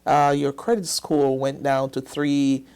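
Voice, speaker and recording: A woman hosting a studio interview, guiding the talk with encouraging questions and steady murmured affirmations. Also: rumbling low, takes it slowly, clear, resonant tone. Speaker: host.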